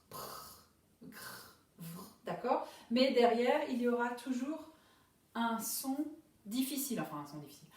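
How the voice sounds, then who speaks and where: Slow, careful teacher woman. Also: fairly high pitch, heavy reverb, far from the mic. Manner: slow, careful, stretches out each syllable. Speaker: primary school teacher. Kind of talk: remote dictation lesson for young pupils.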